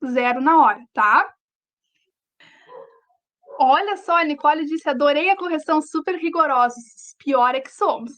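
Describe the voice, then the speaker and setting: Chatty high-voiced woman teaching writing. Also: animated, measured pace, pauses often, a bit bright. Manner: chatty, addresses students directly, frequent "tá?" checks. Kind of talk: live online class.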